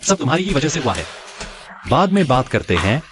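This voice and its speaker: A man's voice: medium pitch, very animated, fairly quick, crowd noise, lightly acted. A man voicing a flustered, exasperated young male lead in a dubbed drama.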